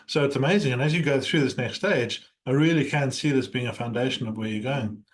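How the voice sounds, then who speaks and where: A man's voice: mid-range voice, a little fast. Encouraging male podcast host. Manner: encouraging, emphatic, asks rhetorical "right?". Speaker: podcast host and business coach. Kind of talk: conversational interview.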